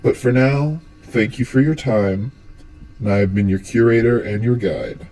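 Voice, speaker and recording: As the theatrical host and storyteller of a horror explainer, a man delivers scripted commentary in an unhurried, dark-toned voice of medium pitch. Music runs under him, and the recording is rough.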